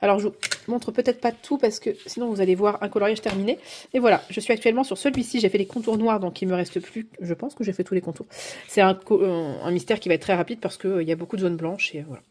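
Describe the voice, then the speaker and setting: A woman's voice: medium pitch, quick pace, a little mellow. A woman hosting a coloring vlog, chatting casually at home with many hesitant fillers, recorded on a phone. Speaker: coloring channel host.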